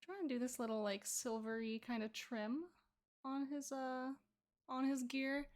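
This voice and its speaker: A woman's voice: sits high, level tone, measured pace, darkish tone. A woman art streamer chatting casually and playfully while she draws, joking and laughing with her viewers. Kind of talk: casual chat while drawing.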